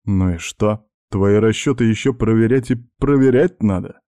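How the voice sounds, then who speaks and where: A man voicing a stern, domineering baritone voice inside someone's head in an audiobook. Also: normal speed, warm tone, no echo, studio quality, lightly acted. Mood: insistent.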